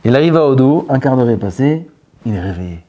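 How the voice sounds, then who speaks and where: Animated rabbi, dark voice. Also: male voice, medium pitch, fast, highs cut off. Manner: animated, dropping to near-whispers and rising again; mixes Hebrew terms into French. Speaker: rabbi giving a Torah talk. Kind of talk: sermon.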